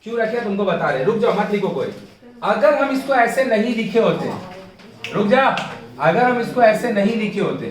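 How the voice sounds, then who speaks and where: A man's voice: high voice, very animated, moderate pace, distant mic. A man teaching a math lesson in a classroom, coaxing students with repeated questions. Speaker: math tutor. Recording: echoey room, voice from off mic.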